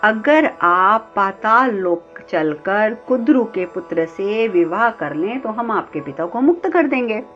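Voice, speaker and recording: Woman storyteller doing a scheming male demon, smug, bossy, dull sound, soft sitar behind. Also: mid-range voice, expressive, slow, few pauses. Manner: bargaining, giving orders. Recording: slightly dull, faint sitar music.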